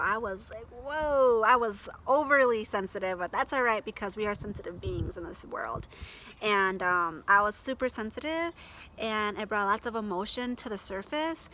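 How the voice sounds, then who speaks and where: A woman's voice: mid-range voice, sharp tone, slight background noise. A woman talking in a heartfelt personal vlog, gushing and emotional, with many fillers. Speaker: vlogger.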